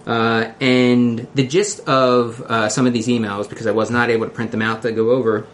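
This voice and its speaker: A man's voice: medium pitch, level tone, normal speed. Philadelphia-accented man hosting, noisy room. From Philadelphia area, United States. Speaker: podcast host. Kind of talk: casual podcast hosting.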